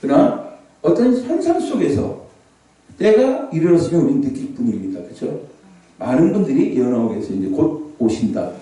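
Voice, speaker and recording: A male pastor's revival sermon comes through a big echoey hall from far away, his warm, mellow voice pitched somewhat high and moving fairly quickly. It swings through a lively range, and he sometimes cries out scripture at full volume.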